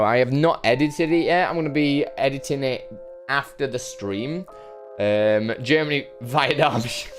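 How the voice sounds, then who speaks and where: Man, live-stream chat, rambling, self-deprecating, mid-pitched voice, faint music behind. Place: his brother's home.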